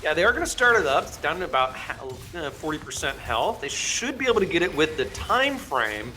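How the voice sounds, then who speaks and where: A man doing play-by-play commentary on an esports match, excitable and speeding up as fights break out. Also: fairly quick, a little hiss or hum. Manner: excitable, speeds up and rises in pitch during fights. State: has the hiccups. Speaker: play-by-play caster.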